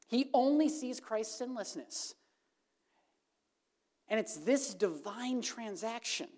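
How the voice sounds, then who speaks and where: A woman preaching an evangelistic sermon, earnest, swinging from emphatic lines to hushed, soft ones. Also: on the high side.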